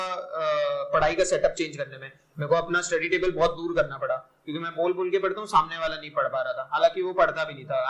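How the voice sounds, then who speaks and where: A man teaching biology in a classroom, loud and energetic, quizzing and praising his students. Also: a little high. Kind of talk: lively classroom lecture. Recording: noisy classroom recording.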